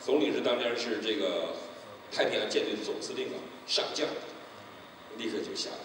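A man's voice: medium pitch, a little fast. A middle-aged man preaching an evangelistic sermon, telling his story vividly and acting out the people in it. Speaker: pastor. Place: church sanctuary. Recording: echoey hall, distant mic, noisy.

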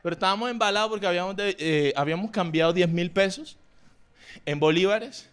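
A man's voice: sits high, fairly quick, smooth. A young man with a Colombian coastal accent doing a brash, profane stand-up set on a club stage. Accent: Colombian coastal Spanish. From Colombian Caribbean coast. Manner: brash, profane, acts out loud characters. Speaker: stand-up comedian. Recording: live club recording, audible noise. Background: audience laughter and room ambience.

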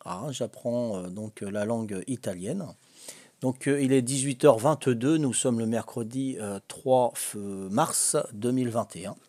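A man's voice: mid-range voice, unhurried, darkish tone, no room sound. An older man with a Corsican French accent, chatting casually on a home video, full of fillers, restarts and little jokes. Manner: hesitant, many fillers and restarts, joking. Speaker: vlogger learning a language.

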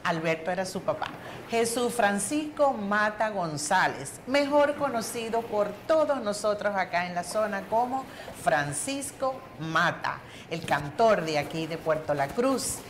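A woman's voice: medium pitch, expressive, measured pace, slight background noise. An older woman with a Venezuelan accent hosting a TV studio interview, introducing her guest effusively. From eastern Venezuela. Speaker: TV host.

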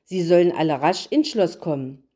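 Woman reading a bossy fairy-tale queen, brisk, mellow low voice. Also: animated. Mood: commanding. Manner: brisk and imperious.

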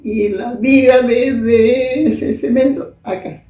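An older woman, telling a personal story as an interviewee in a halting, soft-spoken way. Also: fairly high pitch, steady tone. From Peru. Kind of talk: emotional personal testimony. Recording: roomy, distant mic, faint noise.

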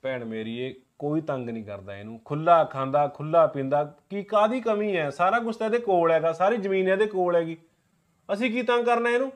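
A man's voice: mid-range voice, a little fast, few pauses, close to an everyday voice. A man playing a grumbling, defensive son who gives in when his sister scolds him. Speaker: son, head of the household.

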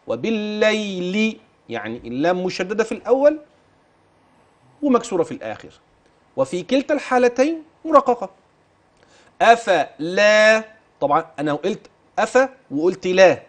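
A man with an Egyptian Arabic accent teaching Quran recitation, asking questions and reciting example words slowly and drawn out. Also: sits high. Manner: patient, questioning and drilling the listener. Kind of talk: tajweed lesson, modelling recitation.

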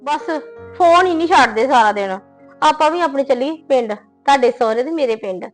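Actress as a complaining young wife, high voice, faint music behind. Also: female voice, lively intonation, a little fast. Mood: aggrieved. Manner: sulky, complaining. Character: young wife sulking about her sister-in-law. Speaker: daughter-in-law in a family short film. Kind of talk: scripted short film acting.

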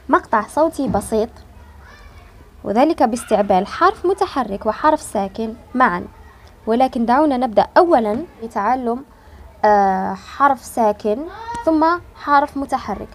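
A woman teaching an online language lesson, explaining slowly and patiently, stretching key words and pausing to think. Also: fairly high pitch, darkish tone, slight background noise.

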